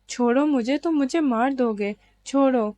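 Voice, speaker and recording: A woman's voice: high-pitched, dark tone, natural voice. A woman reading as a frightened young wife who pleads and panics. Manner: fearful, pleading.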